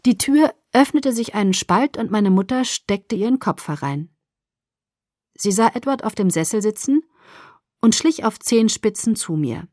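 A woman narrating a novel in the first person, calm and measured. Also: medium pitch, no echo, studio quality. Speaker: audiobook narrator.

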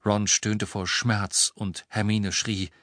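A man reading an audiobook as narrator, telling the story in a measured, dramatic way. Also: lowish voice, flat delivery, a bit bright, dry recording, clean studio sound. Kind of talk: scripted narration.

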